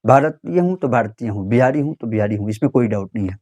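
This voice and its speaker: Young man from Bihar, vlogger; mellow, warm tone, earnest and appealing, speaks directly to his audience. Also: medium pitch, animated, fast. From Bihar, India. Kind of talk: earnest direct-to-camera commentary.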